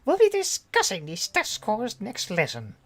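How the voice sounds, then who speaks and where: A man's voice: high-pitched, wildly swooping pitch, unhurried, pitched above the performer's own voice, heavily acted. A man voicing a stern middle-aged female teacher with a raised, mock-stern delivery.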